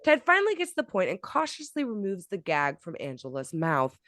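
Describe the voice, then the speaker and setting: A woman's voice: mid-range voice, huge pitch swings, fairly quick, fairly bright tone, dry recording, clean studio sound. A woman giving scripted narration, reading out stage directions at a table read.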